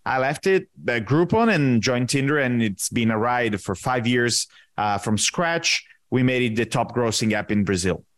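A man in his thirties from Italy, a podcast guest answering questions in a relaxed way, often pausing with fillers as he searches for words. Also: mid-range voice. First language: Italian. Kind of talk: casual interview answers.

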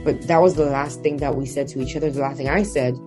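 A woman's voice: very deep voice, steady tone, quick pace, over music. A woman in her twenties from Nigeria, a guest telling her life story in a reflective way with many fillers. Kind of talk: personal storytelling interview.

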